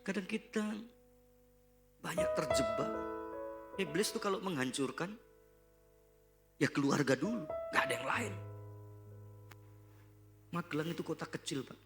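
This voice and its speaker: A male pastor preaching a sermon in a church, swinging from loud shouts to hushed whispers. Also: on the high side, expressive, measured pace, long pauses. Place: church hall. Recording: live church sermon with guitar. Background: guitar music.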